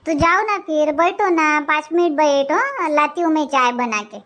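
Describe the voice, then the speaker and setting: A woman voicing a sharp-tongued young daughter-in-law in a cartoon, defiant and talking back. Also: high voice, animated, measured pace.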